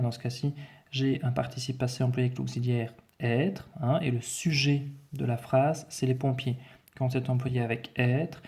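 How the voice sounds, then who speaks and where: A man's voice: mid-range voice, mellow. A man explaining spelling as a teacher, working through a text methodically, spelling out letters and repeating key points.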